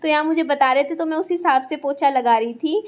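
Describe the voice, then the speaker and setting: A woman's voice: high voice, a little fast. A young woman narrating her day in a chatty, rambling vlog, full of fillers. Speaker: vlogger.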